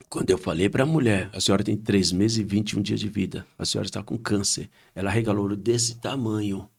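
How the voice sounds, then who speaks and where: A man, a pastor recounting a healing testimony on a podcast, acting out dialogue and rising in pitch as he gets excited. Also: vocal fry, husky. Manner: animated retelling with quoted dialogue, rising pitch when excited.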